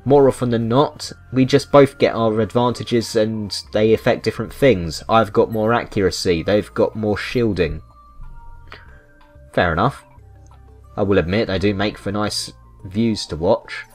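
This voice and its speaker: A British man offers wry, mock-indignant video game commentary that rambles without a script. His voice is on the low side and unhurried, and background music plays behind him.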